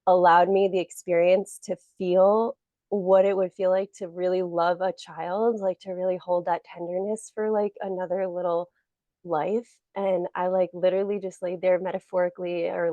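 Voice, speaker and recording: A woman's voice: on the low side, dark tone, no echo, dull audio. A woman co-hosting a podcast in casual chat, rambling with lots of "like" fillers. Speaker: podcast co-host.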